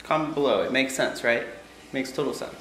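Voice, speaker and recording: A man's voice: mid-range voice, fairly quick, gravelly, heavy background noise. A young man vlogging about his workouts in a chatty, upbeat way, swearing casually. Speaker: fitness vlogger. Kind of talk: casual vlog chat. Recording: loud music under the voice. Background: loud background music.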